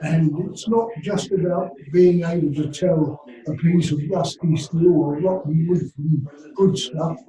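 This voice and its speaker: Slow, mellow-voiced man in his eighties, measured panelist, distant mic in a roomy hall. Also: a little high, steady tone. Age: 80s. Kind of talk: panel discussion.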